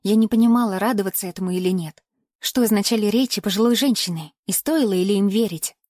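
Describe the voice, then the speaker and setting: A woman narrating a novel aloud in the first person, in a measured, even storytelling manner. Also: medium pitch, dry recording, studio quality. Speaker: audiobook narrator.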